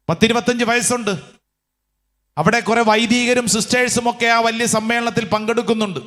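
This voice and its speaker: A man preaching a retreat sermon as a priest, calling out for responses and telling stories slowly and with emphasis. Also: high-pitched, sharp tone. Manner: call-and-response exhortation; slow, emphatic storytelling.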